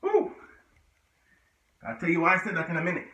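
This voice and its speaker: A man coaching a home workout with a bright, forceful voice and an encouraging, chatty way of explaining each move. He sounds out of breath at times and grunts between moves. He is heard from some distance in an echoey room, through a dull, lo-fi recording. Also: on the high side, racing. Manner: encouraging, chatty, breaks off mid-exercise with grunts. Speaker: fitness instructor.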